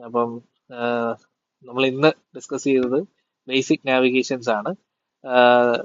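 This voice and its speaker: A man's voice: medium pitch, dull audio. Hesitant man teaching a phone tutorial. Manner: hesitant, with many fillers. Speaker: tech tutor. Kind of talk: casual tutorial.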